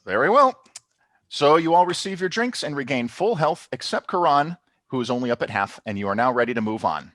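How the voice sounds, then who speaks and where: A man running a tabletop game as game master over a video call, narrating with lively storytelling and calling for checks. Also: mid-range voice, fairly quick, dry recording. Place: home.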